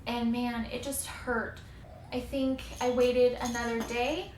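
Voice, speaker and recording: Higher-voiced woman in an echoey room. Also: little pitch movement, takes it slowly, darkish tone. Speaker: vlogger telling a recovery story. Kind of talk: casual personal storytelling to camera. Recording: echoey room with faint background noise.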